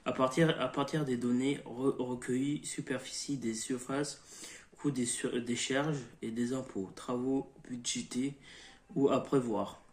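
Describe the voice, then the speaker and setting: A man's voice: mid-range voice, steady tone, measured pace, a little hiss or hum. A man hosting his channel, explaining a topic in an informal way, full of fillers, restarts and self-corrections. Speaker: YouTube channel host. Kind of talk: informal educational talk, partly read.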